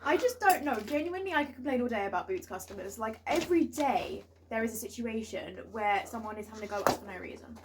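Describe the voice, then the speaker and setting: A woman's voice: a little high, lively intonation, quick pace, hardly any pauses. A young woman telling a story in casual chat, acting out exchanges as she retells them. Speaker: vlog co-host sharing retail stories. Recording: clear background noise.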